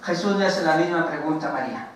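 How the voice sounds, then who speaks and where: A Mexican man preaches in a high, unhurried voice, pausing on filler sounds and asking his congregation rhetorical questions. He stands well back from the microphone in a church sanctuary. The room is very echoey, and a faint room sound sits behind him. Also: lively intonation, slight background noise. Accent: Mexican Spanish. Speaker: pastor. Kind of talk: sermon. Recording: very echoey church, voice from far off the mic.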